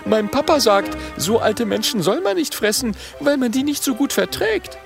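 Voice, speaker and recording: A man voicing a small, eager young male dragon who talks in a quick, chirpy, cheeky way. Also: very high-pitched, very animated, creaky, over music, pitched above the performer's own voice, heavily acted.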